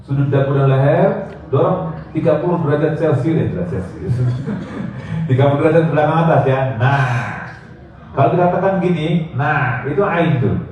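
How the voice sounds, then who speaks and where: A man teaching a tajwid lesson, chanting verses slowly and explaining with light jokes, recorded in a mosque hall. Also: a little high, expressive, a little mellow. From Indonesia. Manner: slow drawn-out chanting of verses between quick joking explanations. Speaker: Quran recitation teacher. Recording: echoey hall, distant, phone-like sound.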